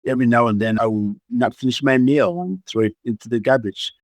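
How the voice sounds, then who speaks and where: A man's voice: medium pitch, fairly even intonation, a little fast, no room sound. A middle-aged man from Uganda with a Ugandan accent, a playful, expansive guest in an interview who laughs often. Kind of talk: podcast interview.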